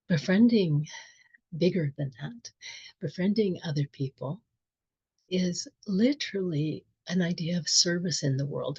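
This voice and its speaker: A middle-aged woman giving a reflective spiritual talk, gentle and thoughtful, with soft laughs and pauses. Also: low voice, slightly rough, muffled recording. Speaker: spiritual teacher.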